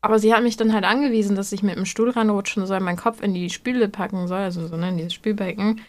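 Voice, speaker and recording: A woman's voice: mid-range voice, fairly even intonation, fast. A young woman from Hamburg telling a story in casual chat, chatty and giggly. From Hamburg, Germany.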